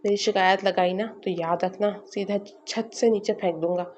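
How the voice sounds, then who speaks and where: A woman's voice: steady tone, a little hiss or hum, natural voice. A woman reading a brash, teasing young man. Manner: low, teasing, intimate murmurs. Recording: slightly muffled lo-fi recording.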